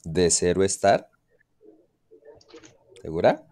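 An English teacher gives a classroom lesson on grammar, constantly asking his students questions to check they follow. His voice is low-pitched with a dark tone, animated, and he takes it slowly.

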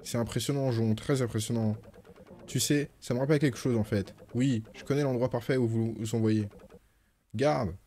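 A man's voice: mid-range voice, steady tone, brisk, dark tone, slight background noise. French man streaming a game at home. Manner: reads game lines in playful put-on voices, chats with viewers. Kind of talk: live game stream, reading dialogue aloud. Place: home, with cats nearby.

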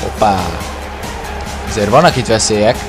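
A Hungarian man giving excited football gameplay commentary, exclaiming and stretching his words as he follows the play. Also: on the low side. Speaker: gaming video creator commentating own match. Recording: music behind the voice. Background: music.

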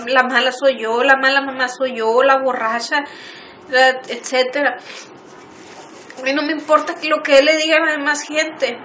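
Woman interviewee, high and bright, earnest, halting delivery with frequent restarts. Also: slight background noise, poor audio. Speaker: interviewee recounting abuse. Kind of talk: emotional testimony.

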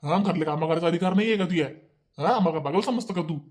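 A man voicing a bossy, petulant young husband in a cartoon, with a Vidarbha Marathi accent, nagging and repeating himself in rapid bursts. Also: fairly high pitch, a little mellow, natural voice. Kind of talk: cartoon voice acting.

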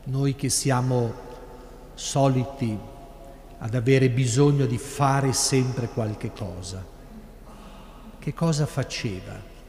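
A middle-aged man with an Italian accent, a priest preaching a sermon in slow, measured phrases with long pauses. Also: mid-range voice, a little mellow, slight background noise. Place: large church sanctuary. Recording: echoey church with long reverb, live broadcast.

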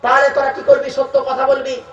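A man with a West Bengal Bengali accent preaching a waz sermon, calling listeners "baba" and chanting verses slowly. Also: extremely high pitch, monotone, a bit bright, slight background noise. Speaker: preacher at a religious gathering. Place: outdoor religious gathering on loudspeakers. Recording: echoey, distant, dull public address sound.

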